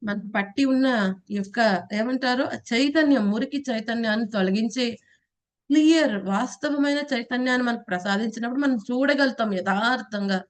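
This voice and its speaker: Brief: woman scripture teacher, fairly high voice, chatty lecture style, questions the class. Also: normal speed. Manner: conversational, asks the class questions, laughs, acts out quotes. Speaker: Gita teacher.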